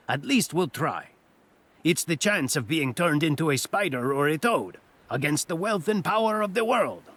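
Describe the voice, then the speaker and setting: A male actor plays a cunning, boastful master thief in a fantasy audio drama, delivering his lines in a theatrical, self-assured, heavily acted style. His voice is on the high side and a bit bright, with a breathy edge.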